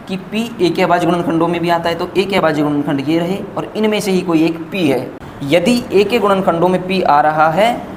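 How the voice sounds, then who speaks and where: A man's voice: fairly high pitch, a little hiss or hum. A man teaching a maths lesson at a board, patiently walking through each step, repeating points and checking in with his students.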